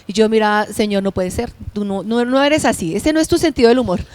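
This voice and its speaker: Middle-aged woman pastor, heartfelt testimony, slightly high voice, dry close sound. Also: lively intonation, brisk, a little mellow, no room sound. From Bogotá, Colombia. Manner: heartfelt, earnest and emotional. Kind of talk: personal testimony.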